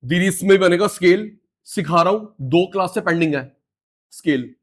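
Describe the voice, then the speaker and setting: A middle-aged man teaching a live online class, animated and coaxing, repeating key words to his students. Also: high-pitched, normal speed.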